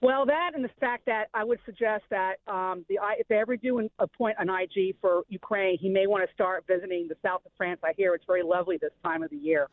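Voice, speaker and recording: A woman's voice: mid-range voice, fast, hardly any pauses, no room sound. A woman calling in to a radio show, making a pointed, wry and skeptical comment. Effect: caller on a phone line. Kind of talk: call-in comment. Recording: tinny phone line, dry.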